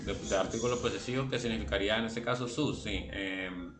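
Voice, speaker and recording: A man's voice: fairly low pitch, brisk, reverberant, music in the background. A man teaching a language class online, explaining rules step by step and calling on students by name.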